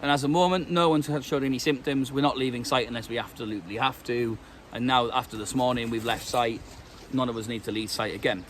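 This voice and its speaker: Speaking in a mid-range voice, a British man with a stuffy cold rambles through a casual vlog in the woods. His talk is full of ums and restarts, and there is slight background noise.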